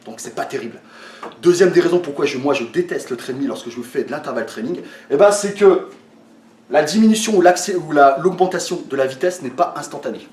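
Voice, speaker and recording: This male fitness coach has a fairly high, darkish voice and talks a little fast as he casually explains a training method to viewers he treats as friends. Hesitant and a little tired, he uses many fillers and restarts; the audio is distant and echoey.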